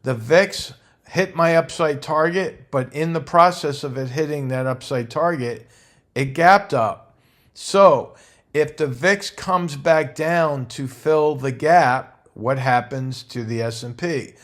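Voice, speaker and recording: A man hosting a midweek stock market report, walking through charts in a measured, instructive way and stressing key price levels. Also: fairly high pitch. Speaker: market analyst host.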